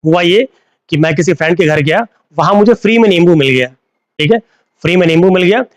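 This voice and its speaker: A man's voice: high-pitched, fairly quick, no room sound, studio quality. A man teaching a live online class, repeating key terms as questions to his students and mixing in English. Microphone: phone.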